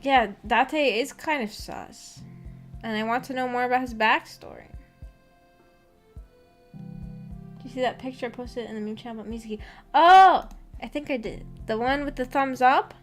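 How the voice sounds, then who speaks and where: A VTuber streamer with a fairly high voice hosts a casual livestream, chatting with viewers in a giggly, self-deprecating ramble at normal speed with long pauses. Soft music plays faintly in the background.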